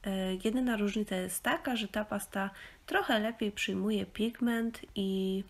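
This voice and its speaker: A young woman from Poland talks through a craft tutorial in a relaxed, explanatory voice-over. Her pitch sits in the middle range, and she often pauses on small fillers while she thinks. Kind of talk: casual instructional voice-over.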